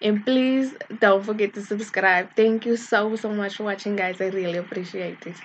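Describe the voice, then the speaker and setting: A woman's voice: mid-range voice, fairly even intonation, normal speed, highs cut off. A woman with a South African accent narrating a step-by-step cooking tutorial as a vlogger, giving politely worded instructions. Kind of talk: scripted how-to tutorial narration. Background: faint music.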